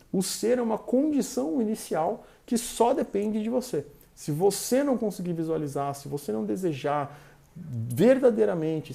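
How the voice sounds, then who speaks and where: A man with a Brazilian accent talks through the ideas of a motivational book. His voice sits high and carries a gravelly edge. The tone is dark and mellow rather than bright. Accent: Brazilian Portuguese. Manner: animated, explanatory, frequent fillers. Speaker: network marketing presenter.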